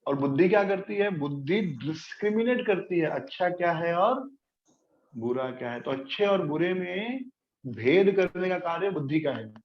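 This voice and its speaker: A teacher delivers an explanatory spiritual lecture, posing rhetorical questions, checking that listeners follow, and mixing in English terms. His voice is a little high, with lively intonation at a moderate pace, recorded in an echoey room with dull lo-fi sound and faint noise.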